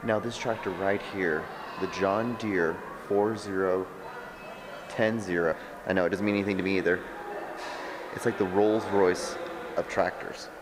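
Young man murmuring softly in a museum. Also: low-pitched, steady tone, unhurried. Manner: quiet, half-whispered, wry. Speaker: travel vlogger. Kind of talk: hushed vlog narration in a museum. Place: large indoor museum hall. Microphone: handheld camera at arm's length.

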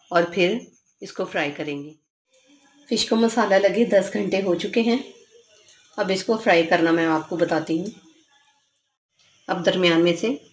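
A woman hosting a cooking channel, calmly explaining each step of a home recipe from her kitchen. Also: on the low side.

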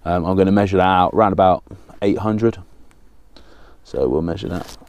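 A man's voice: low voice, normal speed, darkish tone. A man in his thirties from England with a southern English accent, hosting a fishing channel and explaining a rig step by step in a plain, practical way while working with his hands. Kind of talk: step-by-step tutorial. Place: small indoor studio with banner backdrop.

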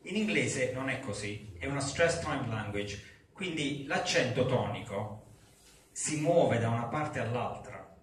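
A male English teacher lecturing a class, who explains patiently and drills phrases slowly and emphatically in English. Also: medium pitch, lively intonation, distant mic, a little hiss or hum. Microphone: far recorder in the room. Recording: echoey classroom taped from afar.

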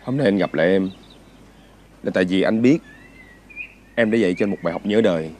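A man playing an earnest young lover who speaks quickly in a lowish voice. He sounds reproachful. Faint noise sits behind him. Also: a little mellow, close to an everyday voice.

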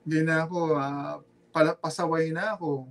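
A middle-aged man with a Filipino accent speaks in a fairly high voice. He tells his story in a casual interview, earnest and halting, and he circles back to repeat his words. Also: steady tone. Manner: earnest, halting, repeats himself, mixes Tagalog and English. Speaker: former pro basketball player, guest. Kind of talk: casual podcast interview, personal testimony.

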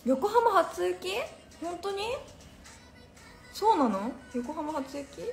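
A woman's voice: very high-pitched, lively intonation, slow pace, vocal fry, darkish tone, reverberant, faint music behind. A young woman hosting a phone live stream, chatting casually with viewers, reading out their comments and laughing often. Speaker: Instagram live host.

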